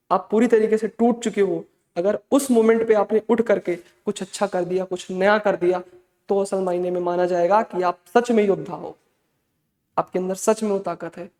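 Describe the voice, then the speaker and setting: Speaking in a high, slightly mellow voice, a man delivers an online chemistry lecture for exam prep. He's a fatherly motivator who calls his students "beta" and keeps drilling the key points, recorded in an echoey space with long reverb.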